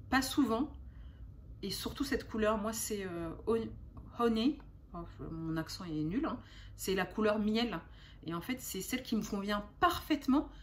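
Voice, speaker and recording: Chatty woman vlogger, halting fillers. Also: mid-range voice, slight background noise. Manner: chatty, hesitant with frequent fillers. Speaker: beauty vlogger. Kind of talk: casual haul chat.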